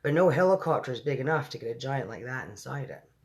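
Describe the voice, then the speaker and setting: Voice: mid-range voice, animated, fast, lightly acted. A storybook reader voicing a proud, easily offended male Air Force chief with a blustering, indignant manner.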